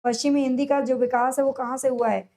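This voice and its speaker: A high-voiced woman with a sore throat leads an exam-prep lesson, posing each question and answering it herself. Her tone is level and somewhat dark, and she draws out, stresses, and repeats the key answers so students will remember them.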